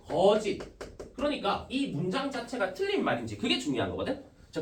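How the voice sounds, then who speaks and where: A man's voice: sits high, a little hiss or hum. A male math teacher giving a classroom lecture, explaining step by step and opening nearly every phrase with a short "ja". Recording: echoey classroom, mic from a distance.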